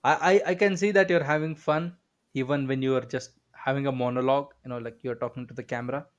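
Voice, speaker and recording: Male host, mid pitch, playful and teasing, casual podcast chat. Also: fairly even intonation, fast talker, highs cut off. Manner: joking, teasing, with frequent filler backchannels.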